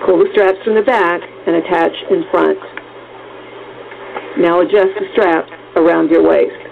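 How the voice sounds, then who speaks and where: A man's voice: high voice, creaky, phone-quality sound, slight background noise. A man voicing a dutiful male senior flight attendant who reads cabin announcements in a formal, reassuring way.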